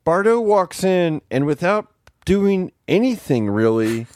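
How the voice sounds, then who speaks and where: A man's voice: high voice, takes it slowly, no echo, clean studio sound. A man in his thirties on a podcast, joking around and leading the talk. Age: 30s. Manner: jokey, animated. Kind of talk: casual chat.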